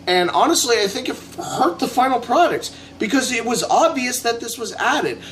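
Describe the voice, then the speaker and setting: A man's voice: very high-pitched, expressive, moderate pace, a bit bright, a little hiss or hum, poor audio. A tipsy man giving a casual, opinionated video review, rambling with false starts and blunt, emphatic swearing. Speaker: amateur film reviewer.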